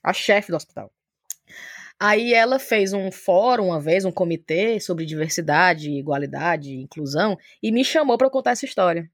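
A woman with a Cearense Brazilian Portuguese accent, a talkative podcast guest telling lively anecdotes in casual chat, acting out the dialogue as she goes. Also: on the low side, normal speed, dry recording, studio quality. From Ceará, Brazil.

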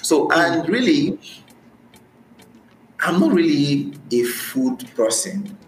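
Speaking slowly but very animatedly, this Nigerian podcast guest has a fairly high voice and a Nigerian accent. He shares personal experiences in a relaxed interview, frequently repeating phrases to stress them. There's a little hiss or hum, plus roomy echo and faint music in the background.

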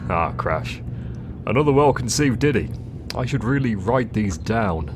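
A man's voice: lowish voice, lively intonation, a little slow, music in the background. A man playing a pompous, dim, cheerful space adventurer in a comic sci-fi audio drama, declaiming grandly and obliviously. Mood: singing, self-pleased.

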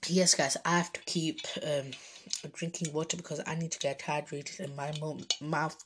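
A woman's voice: low-pitched, fairly even intonation, normal speed, a little hiss or hum. An eighteen-year-old woman from Bangladesh, hosting her own casual podcast. She rambles, hesitates and restarts her sentences often. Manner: chatty, informal. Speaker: podcast host. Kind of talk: casual solo podcast monologue.

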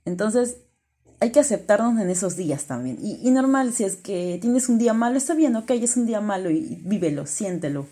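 Loud, earnest woman podcast host. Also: medium pitch, animated, a little fast. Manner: earnest, encouraging, addresses listener directly. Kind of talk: motivational self-help podcast monologue.

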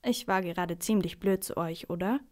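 A woman voicing a grumpy grown man on a train in a storybook reading, with a mumbling, gruff manner. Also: fairly low pitch, normal speed, a little mellow, natural voice. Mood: friendly.

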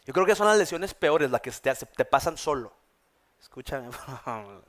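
A man in his twenties from Mexico, a pastor with a northern Mexican accent, preaching a sermon and telling stories in an animated way. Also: mid-range voice, moderate pace. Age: 20s. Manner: animated, vivid storytelling preacher. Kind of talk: sermon with storytelling.

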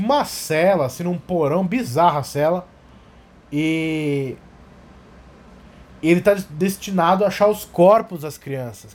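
A man recapping a story in casual, profane, animated comedic talk. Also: high voice. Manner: animated, profane, acts out scenes. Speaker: podcast talker.

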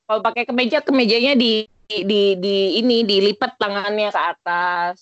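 A woman's voice: medium pitch, normal speed, a bit bright, dry recording, lo-fi sound. A woman, reacting expressively in a casual chat.

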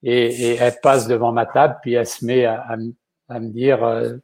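A man's voice: medium pitch, level tone, moderate pace, darkish tone. An older man with a Quebec French accent, a chef speaking as an interview guest in a rambling way, often adding "ok?". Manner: rambling, tags sentences with "ok?". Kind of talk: casual interview talk.

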